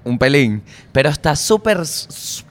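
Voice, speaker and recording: A man with a Venezuelan accent hosting a comedy podcast, telling stories in slangy, animated chat, swearing freely and throwing in jokey asides. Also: fairly high pitch, measured pace. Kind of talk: casual comic monologue.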